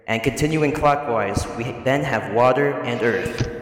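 A man's voice: mid-range voice, unhurried, a little hiss or hum. A man voicing a robed male magic teacher on a rocking ship, his lines put through a digital echo effect as a memory in a tabletop game. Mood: lecturing. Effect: digital echo, added because it is a memory. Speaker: game master.

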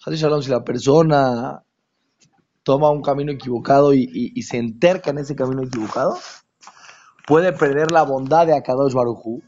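A husky-voiced man delivers a religious lesson to listeners. He drives points home by repeating phrases, then slips into quiet asides. The recording sounds dull and lo-fi. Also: medium pitch, steady tone, moderate pace. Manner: emphatic, repeats key phrases, drops into hushed asides. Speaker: Torah teacher. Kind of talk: religious talk to an audience.

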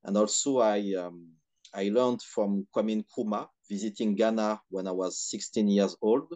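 Low-voiced man with a Beninese French accent. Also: steady tone, warm tone. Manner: measured, hesitant phrasing with frequent pauses. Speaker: podcast guest, historian and activist. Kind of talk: reflective interview answers.

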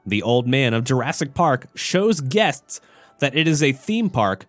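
A man's voice: mid-range voice, big pitch swings, a little slow, dry recording. A man hosting a casual comedy show, rambling and self-mocking in an exasperated, sweary way. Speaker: show host.

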